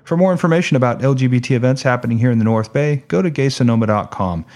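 A man hosts a radio news program. He reads headlines and community listings in a measured, announcer-like delivery. He also interviews guests, and his voice sits at an ordinary middle pitch. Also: lively intonation, a little mellow.

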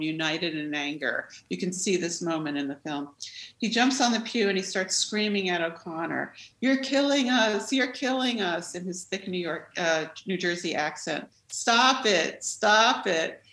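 A woman being interviewed, telling stories in an animated, expressive way. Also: lowish voice. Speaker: interviewee, former activist. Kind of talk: storytelling in an interview. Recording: roomy echo.

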